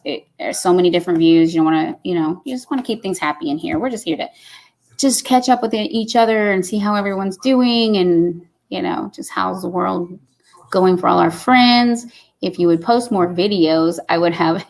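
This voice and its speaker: A woman in her 50s hosts a casual live stream, reading comments aloud and chatting in a folksy way, saying "y'all." Her voice sits on the low side and has a creaky quality.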